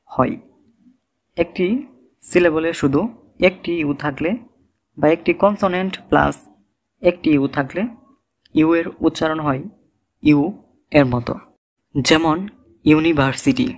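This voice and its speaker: A man with a Bangladeshi Bengali accent teaching English reading, spelling out words letter by letter and giving their meanings. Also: on the high side. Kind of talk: slow instructional lesson.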